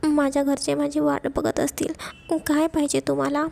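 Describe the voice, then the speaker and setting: A woman's voice: sits high, little pitch movement, normal speed, vocal fry, a little mellow. A woman voicing a tearful, pleading captive girl. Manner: pleading, begging. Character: frightened young woman held captive, pleading.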